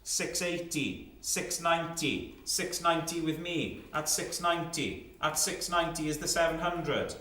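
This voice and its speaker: A man's voice: on the high side, measured pace, hardly any pauses, pushed and bright. A man working as a fine art auctioneer, calling lots and repeating bid figures in clipped, rolling phrases. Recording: roomy, echoing sound.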